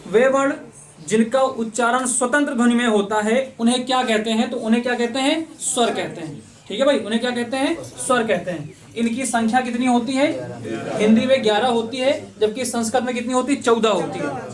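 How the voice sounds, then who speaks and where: A man's voice: very high-pitched, a little fast, a crowd in the background. A man teaching an online exam-prep class. He asks questions and answers them himself, repeating the key points. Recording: voice somewhat distant from the mic.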